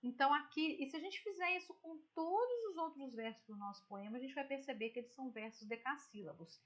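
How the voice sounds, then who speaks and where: High-voiced chatty Brazilian woman teacher. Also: fast. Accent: Brazilian Portuguese. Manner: chatty and explanatory, frequent "tá?" and "né?" checks. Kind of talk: online literature lesson, screen-share explanation.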